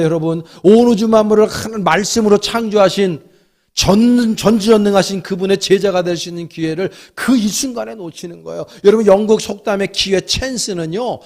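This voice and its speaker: High-voiced male pastor preaching. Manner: folksy, talks directly to the congregation with questions and asides. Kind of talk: sermon. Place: church sanctuary.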